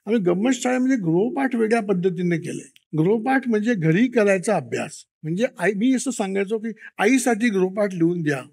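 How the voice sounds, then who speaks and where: A man tells lively anecdotes, slipping into quoted voices and laughing along the way. His voice sits high and carries a gravelly edge. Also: moderate pace, hardly any pauses. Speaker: children's author and interview guest. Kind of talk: storytelling interview talk.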